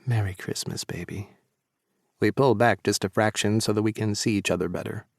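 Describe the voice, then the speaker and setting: A man narrating a first-person romance audiobook in a warm, light storytelling delivery. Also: on the low side, steady tone, fast, dry recording, studio quality.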